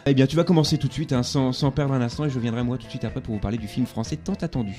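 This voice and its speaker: A man's voice: medium pitch, racing, warm tone, faint music behind. A man hosting a radio film review, chatty and upbeat, with frequent hesitations. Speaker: radio film columnist and host.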